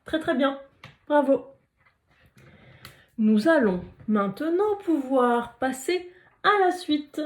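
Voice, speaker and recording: A woman's voice: high voice, lively intonation, slow, pauses often. A woman teacher giving a recorded phonics lesson to young children, carefully sounding out letters and syllables and praising the listeners often. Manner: encouraging, praising.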